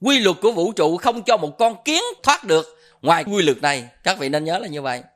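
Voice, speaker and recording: A man's voice: high voice, lively intonation, fairly quick, fairly bright tone. A middle-aged man with a Southern Vietnamese accent giving a Buddhist dharma talk as a monk, telling stories and quizzing his listeners with questions. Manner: storytelling, quizzes the audience with questions.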